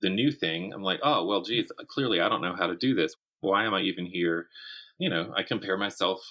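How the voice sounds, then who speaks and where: Speaking a little fast, this middle-aged man's low-pitched voice comes across pushed and bright. As a writer being interviewed, he discusses the craft of writing in a thoughtful, conversational way, often starting his phrases over.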